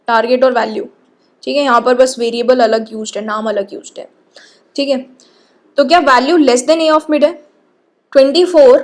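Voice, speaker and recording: A woman teaching programming, talking through code step by step and often pausing to check in with her students. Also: sits high. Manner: explains patiently, often checks in with "ठीक है".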